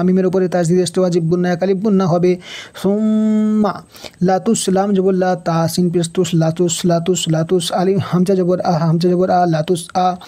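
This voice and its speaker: A man teaching Quran reading in a Bangladeshi Bengali accent, spelling out letters and vowel marks slowly and then chanting the verses. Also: high-pitched, dark tone. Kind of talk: Quran recitation lesson.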